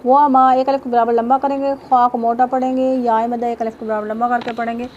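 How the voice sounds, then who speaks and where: A woman teaching tajweed, explaining each rule step by step and reciting verses slowly in a drawn-out melodic voice. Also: fairly high pitch, level tone, a little mellow, dull audio, slight background noise.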